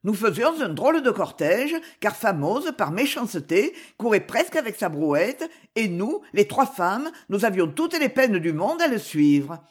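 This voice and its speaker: A woman's voice: medium pitch, very animated, a little slow, few pauses, husky. A woman reading a novel aloud as an audiobook, telling the story with expression. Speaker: narrator. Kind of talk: scripted audiobook narration.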